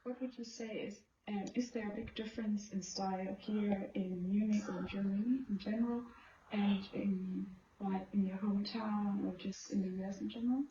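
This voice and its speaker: Brief: teen girl interviewer, mellow tone, halting phrasing, echoey room. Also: medium pitch, steady tone. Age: teens. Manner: searching for words. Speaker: student interviewer. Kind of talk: interview questions. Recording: roomy, dull, faint noise.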